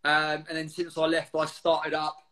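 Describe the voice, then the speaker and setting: A man's voice: a little high, completely flat delivery, normal speed, a bit bright. A man in his forties with an Essex accent, telling anecdotes in casual interview chat with informal, slangy, blokey speech. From Essex, England. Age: 40s. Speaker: guest, former military serviceman.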